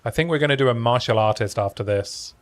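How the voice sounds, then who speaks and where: A young game streamer with a soft, soothing voice suited to bedtime stories talks easily and casually at a mid pitch, though fast. Relaxed and chatty, he gives live commentary while playing and breaks off between plays to answer his chat.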